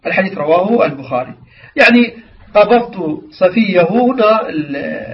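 A man with a high voice teaches a religious lesson, stopping to explain word meanings and quiz his class. He sounds set back from the mic. The recording is dull and lo-fi. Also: recorded from a distance.

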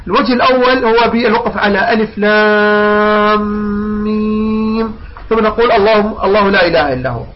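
High-voiced man teaching recitation. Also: racing, few pauses, muffled recording, a little hiss or hum. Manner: explains patiently, repeats, stretches out recited examples. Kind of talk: recitation lesson.

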